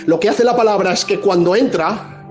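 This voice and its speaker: Fervent high-voiced male preacher. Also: moderate pace, a little mellow, faint music behind. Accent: Spanish from Andalusia. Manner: fervent preaching, quoting scripture in dialogue. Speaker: pastor. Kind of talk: sermon.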